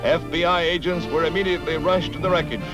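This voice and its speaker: A man narrating an old 1950s newsreel in a brisk, punchy announcer style. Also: on the high side, highs cut off. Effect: old 1950s newsreel sound. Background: newsreel music.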